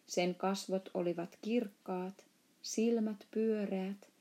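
A woman reads a children's storybook aloud with a mellow, warm tone. Her delivery is calm and steady, at a mid pitch. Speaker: narrator.

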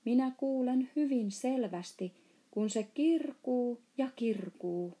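A woman's voice: on the high side, lively intonation, warm tone, pitched above the performer's own voice, close to an everyday voice. A woman voicing a big, kind male giant who speaks in broken grammar and made-up words, read aloud from a storybook.

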